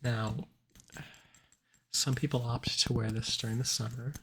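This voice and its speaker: A man in an ASMR role-play as a cologne salesman, giving measured, explanatory sales patter. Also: mid-range voice, level tone, noisy background.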